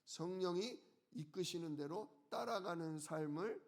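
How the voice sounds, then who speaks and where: A male pastor preaching a sermon, who asks the congregation questions and answers them himself, and slows down to stress key words. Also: on the high side.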